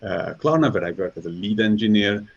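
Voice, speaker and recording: Husky low-voiced man giving a talk. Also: expressive, brisk. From Hungary. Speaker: software engineer presenting a conference talk. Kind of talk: scripted conference presentation. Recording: slightly dull, muffled recording.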